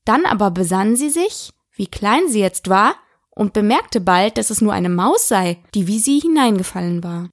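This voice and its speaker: A woman narrating a storybook in an even, measured reading. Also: medium pitch, dry recording, clean studio sound. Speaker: audiobook narrator.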